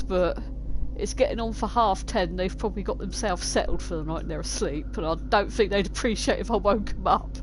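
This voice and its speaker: A woman's voice: medium pitch, slight background noise. A woman streaming a game from home, making self-mocking jokes, swearing freely and laughing often. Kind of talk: casual live gaming commentary.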